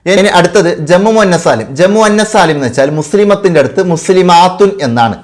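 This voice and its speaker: A man's voice: sits high, quick pace. A man teaching an exam revision lesson patiently, repeating key terms and asking and answering his own questions. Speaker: madrasa teacher.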